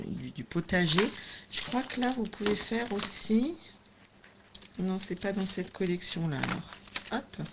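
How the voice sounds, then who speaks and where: A woman hosting a casual craft video, chatty and enthusiastic, full of little fillers and exclamations. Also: on the low side. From France. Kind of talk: casual live unboxing chat. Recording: noisy home recording.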